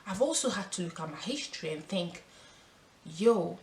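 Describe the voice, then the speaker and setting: A woman's voice: lowish voice, lively intonation, normal speed, a little mellow. A woman from France talking earnestly to camera as a vlogger, reading statistics and then speaking freely. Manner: earnest and emphatic, with restarts when speaking freely. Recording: roomy sound with faint background noise.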